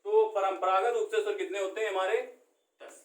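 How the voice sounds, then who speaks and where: High-voiced male teacher in an echoey room. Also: flat delivery, brisk. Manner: asks questions and answers them himself. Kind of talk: classroom lesson. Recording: echoey room, far from the mic.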